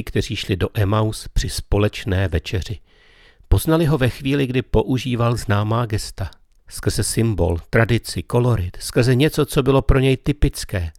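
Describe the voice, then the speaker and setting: A man gives a slow, meditative spiritual talk as a preacher. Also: medium pitch, darkish tone, no echo, clean studio sound.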